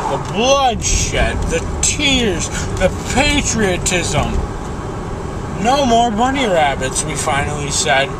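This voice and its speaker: Groggy, rambling man after wisdom teeth surgery. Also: sits high. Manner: rambling, slow, indignant mock-political ranting. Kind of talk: rambling casual monologue. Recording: noisy car interior, road noise.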